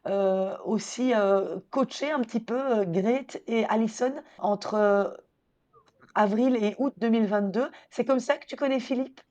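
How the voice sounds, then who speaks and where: A woman hosting a conversational podcast interview, phrasing her questions hesitantly with frequent pauses. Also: on the high side, warm tone, lo-fi sound. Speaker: podcast host.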